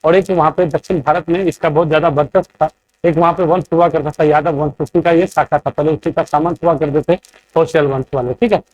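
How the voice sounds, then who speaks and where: Male coaching teacher, slightly high voice, lectures with a steady question-and-answer rhythm. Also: brisk. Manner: asks quiz questions and answers them, keeps checking in. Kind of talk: classroom lecture.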